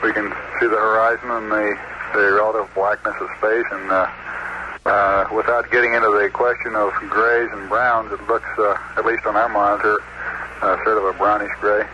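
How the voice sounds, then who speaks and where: A man's voice: fairly low pitch, moderate pace. A man at mission control calling over a crackly space radio link, clipped and matter-of-fact. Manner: clipped call signs, steady and matter-of-fact. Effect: crackly space radio transmission. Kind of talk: terse radio protocol talk. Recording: dull, hissy archival radio link.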